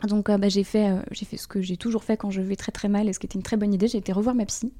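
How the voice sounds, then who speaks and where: A woman guest in a podcast conversation, speaking candidly in a halting way, with many fillers and frequent laughs. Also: medium pitch, steady tone, warm tone. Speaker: interview guest, brand designer.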